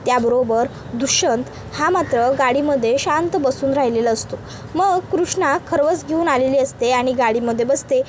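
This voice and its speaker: A woman recounts a TV serial episode in a steady storytelling voice. Her pitch sits high, and faint noise hums behind her. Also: normal speed. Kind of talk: storytelling recap.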